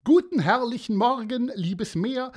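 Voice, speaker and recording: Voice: a little slow, close to an everyday voice. The narrator of a children's story playing a cheerful, exuberant man who sleeps on the beach, in a raised voice. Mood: jolly. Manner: exuberant, booming greetings. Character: cheerful male hiker in pyjamas.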